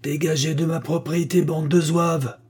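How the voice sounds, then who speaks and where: A stubborn old farm patriarch who barks orders with gruff authority, as a male narrator voices him. His voice is firm and clipped, a bit raised from the reader's usual tone. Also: mid-range voice, moderate pace, mellow, pitched above the performer's own voice, natural voice. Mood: commanding. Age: older. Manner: gruff, commanding.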